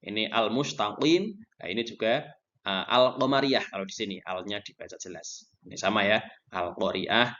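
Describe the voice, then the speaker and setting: A man's voice: on the low side, normal speed, fairly bright tone. Man patiently teaching, dull lo-fi sound. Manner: patient, repetitive explaining with frequent "ya". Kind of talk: Quran recitation lesson. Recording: dull lo-fi recording.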